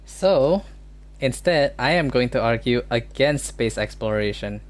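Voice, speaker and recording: A man's voice: medium pitch, lively intonation. Joking man arguing on a casual stream. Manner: joking, argumentative, quick exclamations. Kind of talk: casual solo stream chat.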